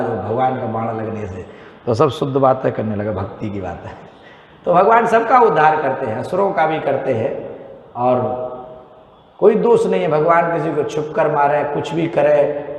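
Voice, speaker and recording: A man giving a devotional sermon, telling stories animatedly and acting out dialogue. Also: on the high side. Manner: animated, acts out quoted dialogue. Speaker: preacher. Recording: echoey temple hall.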